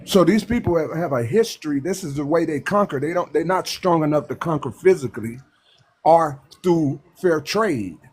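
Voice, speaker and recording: With a voice on the high side, lively in intonation, a little mellow and husky, a man from Texas argues his point on a live panel. He stresses things emphatically, repeats himself, and restarts haltingly.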